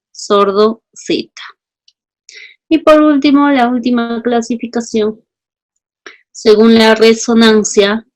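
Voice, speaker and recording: A woman teacher giving an online class, explaining slowly and patiently and often checking in with her students. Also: medium pitch.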